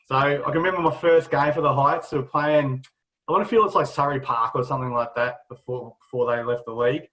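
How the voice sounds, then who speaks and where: A man's voice: mid-range voice, steady tone, fairly quick, fairly bright tone, poor audio. A man, a former footballer, casually telling old club anecdotes with a laugh in his voice. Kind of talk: casual storytelling.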